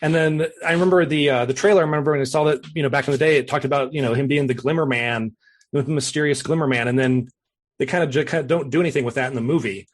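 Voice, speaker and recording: A man in his forties hosting a casual movie podcast, easygoing and quick to laugh. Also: medium pitch. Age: 40s. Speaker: podcast host. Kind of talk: casual chat.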